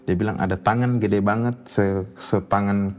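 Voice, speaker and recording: Low-voiced man telling a spooky story. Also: normal speed. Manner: animated, jumps high when quoting others, laughs often. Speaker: guest storyteller. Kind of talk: casual interview storytelling.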